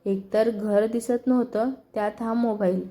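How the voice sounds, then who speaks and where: A woman's voice: a little high, steady tone, unhurried, warm tone. Woman narrator doing angry young woman, insulting, hot-tempered, raised voice.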